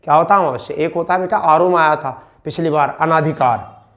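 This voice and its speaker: Slow-drilling male teacher. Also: a little high, a bit bright. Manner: repeats each word slowly and quizzes students; addresses listeners as beta and bhaiya. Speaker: Hindi teacher. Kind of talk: online exam-prep lesson.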